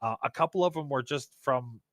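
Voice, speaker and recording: A man's voice: mid-range voice, a little fast, a bit bright, no room sound, studio quality. A man co-hosting a casual live stream, laid-back and full of "dude" and "like". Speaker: co-host and shop owner.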